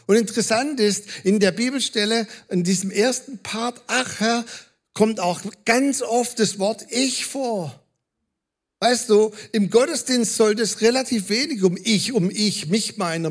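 A man preaching a sermon as pastor, lively and talking straight to the congregation with questions. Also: high-pitched, unhurried. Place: church hall.

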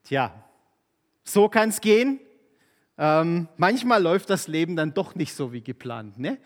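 Male pastor, high voice, casual engaging sermon, long echo of a church hall. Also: animated, unhurried. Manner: casual, engaging, asks the congregation questions. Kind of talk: sermon with Bible reading.

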